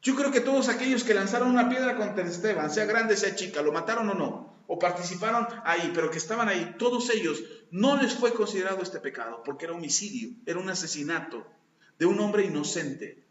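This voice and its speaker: A man gives a sermon in a high voice, earnest and swinging between quiet and loud passages. He calls his listeners brother. The sound is dull and lo-fi, with long echo from a large hall. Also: lively intonation, fairly quick. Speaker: pastor.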